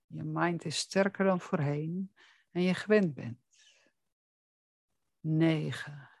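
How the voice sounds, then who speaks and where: Slow, close-up hypnosis guide voice, right in your ear. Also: mid-range voice, vocal fry, no echo. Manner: soothing, deliberate, instructing the listener. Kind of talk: guided hypnosis relaxation narration.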